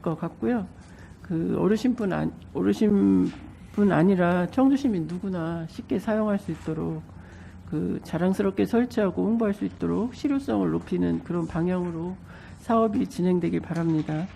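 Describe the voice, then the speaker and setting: A woman with a stuffy nose from a cold, politely putting formal questions as a council member in a measured, slightly hesitant way. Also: lowish voice, gravelly, dark tone, slight background noise.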